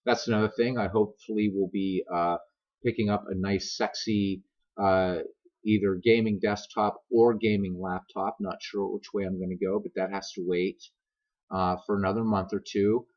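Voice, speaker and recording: A man's voice: fairly low pitch, little pitch movement, moderate pace, a little mellow. A man with an American accent chatting casually and digressively to viewers, joking and self-deprecating, as a gaming video host. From grew up many years in America; also Irish. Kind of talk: casual rambling chat to viewers. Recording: dull lo-fi laptop microphone.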